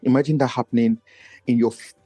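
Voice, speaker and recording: This man from Nigeria, a podcast guest, speaks quickly with fairly even intonation and a warm tone. His voice is low, and he feels it doesn't carry. Earnest and searching, he often restarts his thoughts in a reflective personal talk, with soft background music and no echo.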